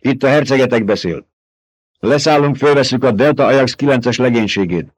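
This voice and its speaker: A male narrator voicing a stern middle-aged duke who gives forceful orders over a radio, his voice raised higher and louder than his narration. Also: husky, no room sound, lightly acted. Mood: commanding. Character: commanding noble duke, middle-aged man, stern leader.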